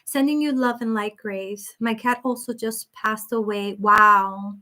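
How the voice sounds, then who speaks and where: A woman hosts a psychic reading live stream and talks casually with her viewers. She reads their comments aloud and answers with gentle sympathy, often restarting her sentences. Her voice sits a little high. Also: steady tone, a little slow, slight background noise. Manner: talks in loose, restarting sentences with many fillers.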